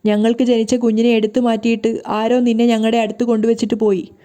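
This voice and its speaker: A woman voicing a sorrowful middle-aged father who talks slowly, solemnly and carefully. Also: a little high, level tone, warm tone, close to an everyday voice.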